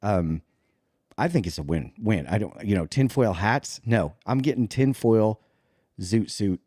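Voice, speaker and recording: A man co-hosting a casual panel show, cracking deadpan sarcastic jokes in an easy conversational way. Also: lowish voice, measured pace, no room sound, studio quality. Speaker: podcast co-host.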